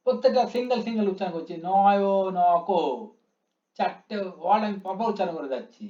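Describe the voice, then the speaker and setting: In a classroom lecture, a man whose voice sits high and sounds a little mellow explains things step by step, stretching out syllables to demonstrate how long they are. The audio is dull and lo-fi, with an echoey room.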